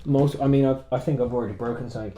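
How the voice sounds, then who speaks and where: A man's voice: mid-range voice, steady tone, very fast, muffled recording. A young man telling a casual anecdote among friends, rambling, stopping and starting and repeating himself. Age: young adult. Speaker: podcast co-host. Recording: roomy echo, faint noise.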